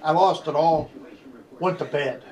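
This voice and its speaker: A man's voice: fairly high pitch, measured pace, a little mellow. An older man with a grandpa voice tells a casual, rambling family anecdote in a folksy, salty way. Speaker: grandfather telling family stories.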